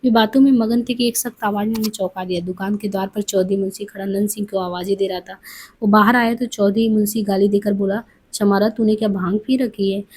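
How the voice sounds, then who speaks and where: A woman narrating a novel aloud in an unhurried, plain way. Her voice is mellow and slightly husky. Now and then she stops to explain a passage in her own words. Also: medium pitch, steady tone. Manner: plain reading with explanatory asides.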